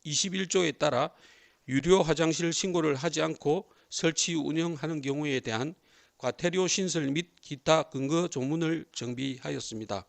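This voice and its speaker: A man who heads a district office department, giving a formal, measured explanation of a bill. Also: fairly high pitch, creaky.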